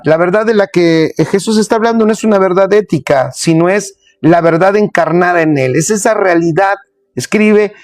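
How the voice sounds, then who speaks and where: A man's voice: high-pitched, dry recording, studio quality. A man preaching a sermon, emphatic and repetitive, speaking straight to his listeners.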